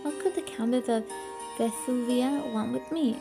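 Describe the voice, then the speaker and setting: A woman's voice: fairly high pitch, moderate pace, gravelly, warm tone, soft background music. A woman streaming a story game live, reading the narration aloud and making casual asides.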